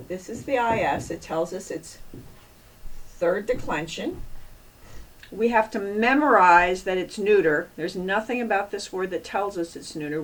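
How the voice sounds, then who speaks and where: Woman, Latin teacher, patient drilling, unhurried, distant mic, faint background noise. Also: medium pitch. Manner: patient, repeats and drills endings aloud. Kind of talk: classroom lecture at a board.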